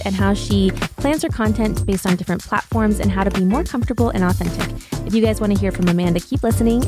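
A woman hosting her own podcast, introducing a guest and asking long, upbeat questions. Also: mid-range voice. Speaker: podcast host. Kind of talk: interview hosting.

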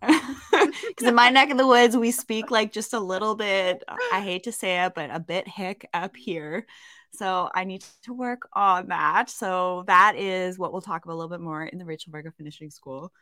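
With a mid-range, slightly bright voice at a moderate pace, this Canadian woman co-hosts a podcast, the audio free of room sound. Her casual chat is self-deprecating and full of rambling tangents.

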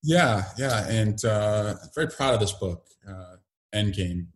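A middle-aged man giving interview answers in a halting way, full of fillers and restarts. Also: lowish voice, animated. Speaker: interview guest, congressman.

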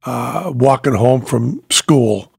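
A man's voice: medium pitch, slow pace, gravelly, breathy edge, no room sound, clean studio sound. A man co-hosting a casual podcast chat, curious and asking many questions. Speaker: podcast co-host.

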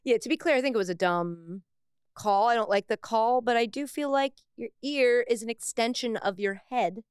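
A woman co-hosting a casual sports podcast, quick and wry with a joking tone. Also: fairly high pitch, clean tone, no echo, studio quality. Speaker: podcast co-host. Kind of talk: casual chat.

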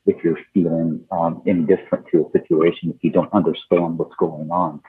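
Deep husky man on a phone line. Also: flat delivery, moderate pace, dry recording. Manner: earnest, repetitive restarts. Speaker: contributor speaking about his children.

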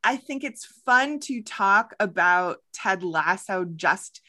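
Woman, podcast host, casual chat, bright voice, laughing, chatty. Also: mid-range voice, expressive, slow. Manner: chatty, laughing, many fillers.

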